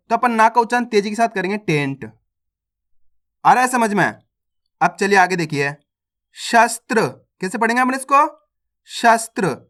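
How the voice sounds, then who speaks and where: A man's voice: extremely high pitch, pushed and bright. A man teaching reading, patiently drilling words one by one, saying each aloud, asking how it is read, and showing the wrong way to say it. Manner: addresses viewers as friends, casual classroom tone. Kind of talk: online reading lesson, word drills.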